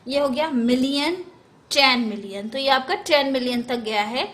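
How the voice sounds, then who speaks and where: A woman's voice: sits high, moderate pace, a bit bright. A woman teaching a math lesson in Hindi, going step by step through place values, often correcting herself and mixing in English number words.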